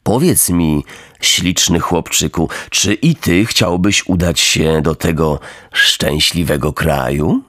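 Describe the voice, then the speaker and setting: Man voicing a plump coachman, low voice, sugary, creepy, audiobook figure. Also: slow, fairly bright tone, no echo, clean studio sound. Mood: coaxing. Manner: honeyed, ingratiating speech. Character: small plump fawning male coachman, sweetly sinister.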